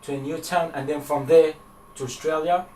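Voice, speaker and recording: A young man from Afghanistan giving interview answers in a halting, hesitant way, pausing on fillers. He is picked up from across a small room, so the sound is roomy and distant, with a faint hiss underneath. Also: fairly high pitch, fairly even intonation, dark tone. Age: young adult. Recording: echoey room, from far off.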